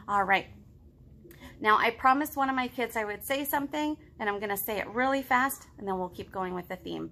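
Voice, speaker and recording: This woman in her thirties has a medium-pitched voice that's creaky and a bit bright, with a little hiss or hum on the recording. She's a children's librarian running a read-aloud storytime from her living room, speaking expressively and straight to young children.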